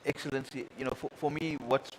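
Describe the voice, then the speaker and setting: Brief: male moderator, mid-pitched, gracious and formal, stumbles and repeats words. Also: steady tone, quick pace, slight background noise, rough recording. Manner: stammering restarts, gracious, formal thanks. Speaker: moderator, host. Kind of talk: hosting a panel dialogue.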